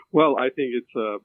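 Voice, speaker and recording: A man in his fifties with an Albanian accent, a neurosurgeon answering interview questions in a halting way with many fillers and restarts. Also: medium pitch, dry recording. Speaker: neurosurgeon guest. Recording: tinny phone-like line, dry.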